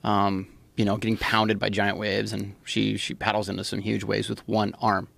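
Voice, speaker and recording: A man's voice: fairly low pitch, completely flat delivery, moderate pace, vocal fry, a bit bright. A man from Hawaii, talking as a podcast guest in casual chat, rambling with many restarts and fillers, close on a studio mic.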